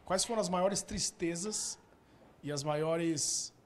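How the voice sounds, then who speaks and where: Brazilian male talk-show host, slightly high voice, relaxed questions, faint background hiss. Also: slow pace. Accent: Brazilian Portuguese. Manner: relaxed, asks short prompting questions. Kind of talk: casual interview.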